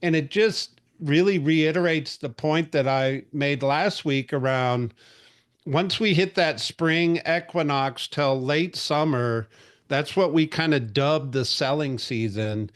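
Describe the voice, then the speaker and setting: A man in his forties with a higher-pitched voice takes his time hosting a real estate industry call. It's a casual market update, delivered in a chatty, rambling way full of fillers and restarts.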